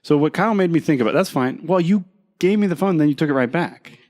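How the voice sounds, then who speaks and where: A man's voice: fairly high pitch, expressive, quick pace, a little mellow. A man co-hosting a podcast in casual chat, teasing and laughing with his co-host.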